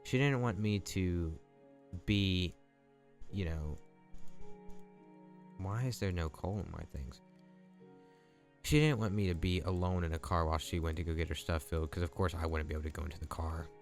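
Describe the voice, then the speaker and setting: A man's voice: low-pitched, moderate pace, long pauses. A young man telling a long story in a rambling, chatty way while he plays a game. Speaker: gaming channel host. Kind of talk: casual storytelling over gameplay. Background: background music.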